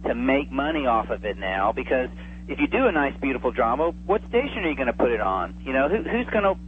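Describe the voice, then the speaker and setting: Fast and sing-song, a mid-range male voice belongs to an eager interview guest who loves old-time radio and talks casually and at great length. He is heard over the telephone on a tinny line with a faint hum.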